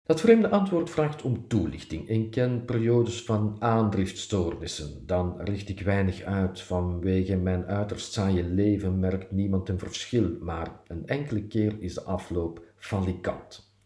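A man's voice: deep voice, a little slow, mellow, echoey room. A man reading his personal column aloud, with a dry, self-mocking irony.

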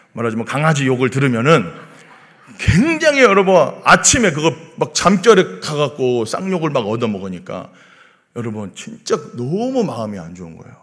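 A man in his thirties preaching a sermon, telling a personal story in a lively way and acting out the voices of the people in it. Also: a little high. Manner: animated storytelling, acts out quoted voices. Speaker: pastor. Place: large church sanctuary. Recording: long hall reverb.

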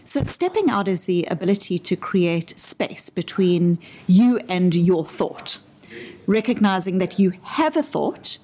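A woman with a South African accent, answering interview questions in a measured, articulate way and using everyday examples to make her points. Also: on the low side, darkish tone. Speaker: interview guest explaining her framework.

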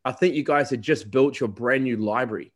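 A man with a New Zealand accent who works as a college recruiter leads a relaxed interview. He talks in an easy, storytelling way. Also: mid-range voice, fairly quick. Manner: chatty storyteller. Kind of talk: casual interview.

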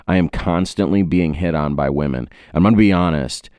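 A man's voice: deep voice, fairly quick, a little mellow, no room sound. A man in his twenties from Ohio, hosting a podcast in a rambling, joking way with many fillers. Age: 20s. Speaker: podcast host. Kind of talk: casual podcast chat.

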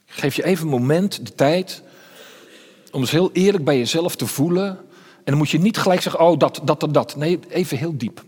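A man preaching a sermon as a pastor, reflective and unhurried, shifting into dramatic retelling. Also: a little high, a little mellow, husky. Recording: reverberant hall.

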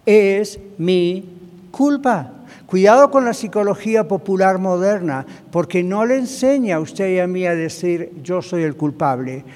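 A man's voice: sits high, expressive, moderate pace, hardly any pauses, a little mellow. A man preaching a sermon, emphatic, often checking in with his congregation with short tag questions. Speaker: pastor. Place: church hall. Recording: reverberant hall.

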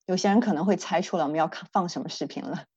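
Woman speech therapist, native Chinese speaker, earnest lecturing; lowish voice, dull dry lo-fi sound. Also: racing, darkish tone, breathy edge, no echo. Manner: earnest, explanatory, frequent hesitations. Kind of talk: online lecture.

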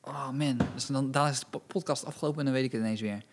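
A man's voice: mid-range voice, fast, background noise. A man co-hosting a podcast in casual chat. He mumbles his words, teases his co-host and laughs often.

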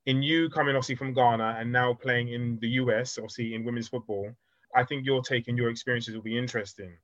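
A man hosting a football podcast, talking quickly and leaning on "obviously" as he asks questions, on a dull, dry recording. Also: medium pitch, fairly even intonation, fairly bright tone, no room sound. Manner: fast, leans on "obviously". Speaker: podcast host. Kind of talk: podcast interview.

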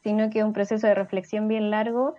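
A woman's voice: mid-range voice, level tone, fast, dark tone, highs cut off. A young woman, a startup CEO, speaking earnestly and reflectively as a radio guest. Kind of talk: radio interview answers.

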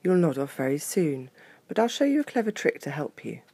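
A woman voicing a kind father bear who calmly and patiently guides his cub, with a low, slightly creaky voice. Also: brisk, full character voice. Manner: calm, patient, instructive.

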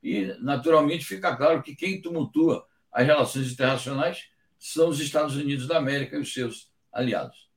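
A man giving measured, emphatic political commentary on a live stream, pausing often with hesitation fillers. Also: medium pitch, lively intonation. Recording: echoey, distant from the mic.

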